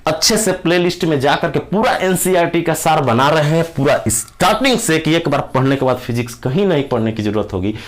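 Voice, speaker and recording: A man's voice: on the high side, animated, a little fast, few pauses. A man teaching a physics lesson to exam students, explaining with everyday examples and repeating key words. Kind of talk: classroom lecture for exam students.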